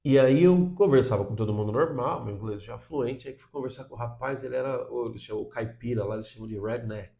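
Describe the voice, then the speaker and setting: Brazilian guy teaching english, laid-back mellow tone, keeps saying "tá?", kinda roomy echo. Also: medium pitch, fast, gravelly, few pauses. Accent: Brazilian Portuguese. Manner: explanatory, frequent "tá?" check-ins. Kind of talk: video lesson.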